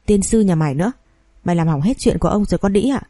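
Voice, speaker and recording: A woman's voice: medium pitch, animated, warm tone, dry recording, close to an everyday voice. Woman voicing a foul-mouthed drunk old husband. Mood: spiteful. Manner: snarling curses, rapid threats.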